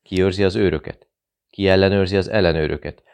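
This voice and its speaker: A man's voice: low-pitched, fairly even intonation, gravelly, a little mellow, clean tone. A man reading a shrewd, polite veteran. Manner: polite, probing.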